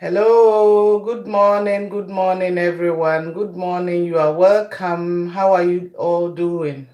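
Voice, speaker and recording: A woman's voice: lowish voice, little pitch movement, slow, a little mellow, roomy sound. A woman from Ghana with a Ghanaian English accent hosts a casual cooking livestream. She greets her viewers one by one and calls them "my dear". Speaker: cooking show host.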